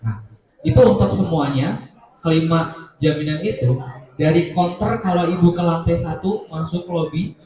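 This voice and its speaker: A man's voice: on the high side, normal speed, dark tone. A man hosting a gathering, taking questions from the audience and explaining hospital services. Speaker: event host for a hospital. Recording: very echoey room.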